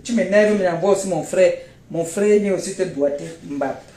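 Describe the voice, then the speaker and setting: A woman's voice: on the low side, moderate pace, dark tone. A Cameroonian woman rants on a phone live stream, mocking and scolding in blunt, repeated jabs. She sounds tired and unwell. The room is echoey, with a faint hiss underneath. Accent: Cameroonian French.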